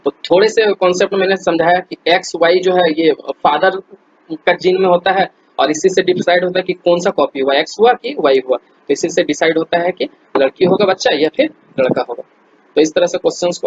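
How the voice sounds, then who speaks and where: A man's voice: sits high, slightly rough, no echo, muffled recording. A man teaching a general science quiz lesson in a chatty, informal way, with many fillers and restarts and calling his viewers friends. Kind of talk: casual explainer lesson.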